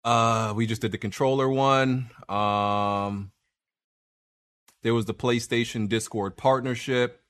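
A man hosting a casual group podcast, informal and halting, often repeating himself as he talks. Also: medium pitch, steady tone, a bit bright, clear, resonant tone. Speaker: podcast host.

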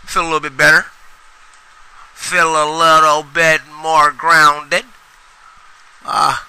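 Middle-aged male podcast host, high bright voice, rambling profane solo rant. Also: little pitch movement, slow, clear, resonant tone, low-quality recording. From Sacramento, US. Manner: profane, rambling, emphatic with repetitions.

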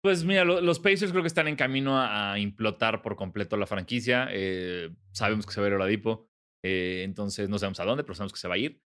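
A man's voice: on the low side, fast, fairly bright tone, clean tone. A man with a Mexican accent, co-hosting a casual sports podcast, chatty and swearing offhandedly. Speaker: podcast co-host.

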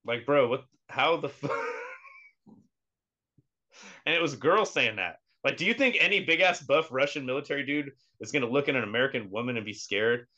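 A man's voice: medium pitch, expressive, a little fast, bright, forceful tone, lo-fi sound. A man co-hosting a podcast in casual chat, blunt and profane, laughing often. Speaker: podcast co-host.

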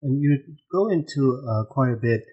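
A man asking interview questions in a hesitant, halting way. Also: medium pitch, lively intonation, husky, highs cut off.

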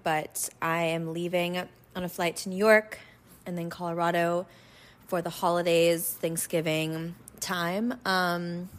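A woman in her twenties hosting a casual advice podcast, slightly hoarse from being sick, rambling with lots of fillers. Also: on the low side. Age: 20s. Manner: rambling, lots of likes and ums. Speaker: podcast host.

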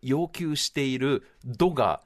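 A man's voice: mid-range voice, animated, measured pace. A man in a radio studio giving a music commentary, explaining his points in an emphatic, teacherly way. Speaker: music columnist.

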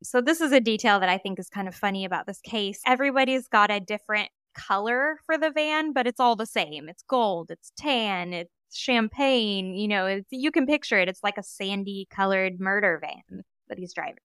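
A woman co-hosting a true crime podcast, retelling a case in an animated, casual way and acting out quoted witnesses. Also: mid-range voice, normal speed, few pauses, clear, resonant tone, dry recording, studio quality. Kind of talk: casual storytelling.

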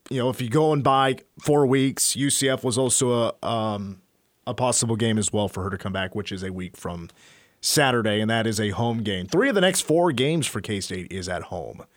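Male American sports host, mid-pitched, conversational and promo-ready, close dry studio mic. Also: no room sound. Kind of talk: casual sports talk and promo reads. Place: radio studio.

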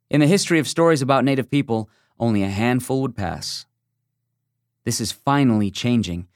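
A man reads a first-person magazine essay in a measured, reflective way. His voice sits in an ordinary middle register. The recording is close and dry, with no room sound. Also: medium pitch, no room sound. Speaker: essay reader. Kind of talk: scripted narration of a magazine essay.

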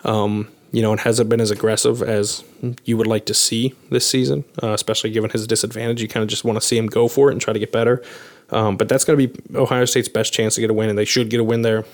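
A man's voice: on the low side, flat delivery, quick pace. A man co-hosting a sports podcast, breaking down results analytically with frequent "um" and "you know" fillers. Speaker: podcast co-host.

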